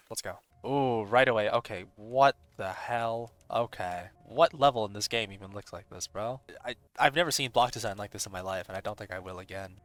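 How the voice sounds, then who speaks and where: A man giving casual gameplay commentary, excitable and laid-back, full of swearing and surfer-bro slang. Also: lowish voice. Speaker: gaming video host.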